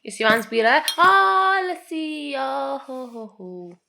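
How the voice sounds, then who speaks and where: A woman's voice: high-pitched, sing-song, slow, pushed and bright. A young woman vlogging casually at home, cooing and baby-talking to her infant son between remarks to viewers.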